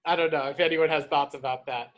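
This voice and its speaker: Rambling young man, slightly high voice. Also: steady tone, fast talker. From partly raised in the Gulf, of North African parents. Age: young adult. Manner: rambling, self-deprecating. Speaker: cooking class host. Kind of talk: casual personal chat.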